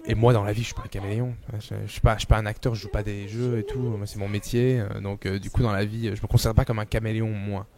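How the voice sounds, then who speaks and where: A man, an actor talking in a relaxed, slangy interview manner. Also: on the low side, quick pace, hardly any pauses, crowd noise.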